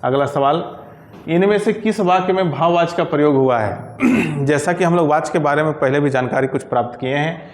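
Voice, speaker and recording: Speaking at normal speed, a fairly high-voiced man goes step by step through Hindi grammar exam questions, naming each correct option aloud in a methodical way, with clear room echo on the recording.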